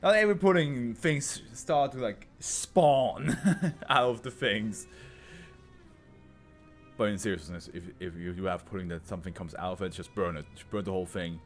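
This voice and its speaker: A man giving casual, joking, foul-mouthed reaction commentary on an animated show as host. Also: fairly low pitch, normal speed, soft background music. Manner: joking, foul-mouthed, riffing in mock voices.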